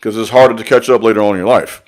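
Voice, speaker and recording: A man's voice: on the low side, fairly even intonation, racing, a little mellow. A young man giving an earnest, repetitive motivational talk on spiritual growth, speaking like a preacher to his followers. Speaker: online spiritual mentor.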